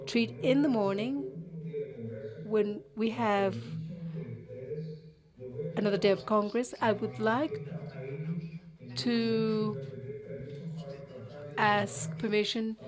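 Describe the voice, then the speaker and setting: A woman interpreting a conference panel live, halting, with cut-off words and restarts. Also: medium pitch, steady tone, crowd noise. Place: conference auditorium.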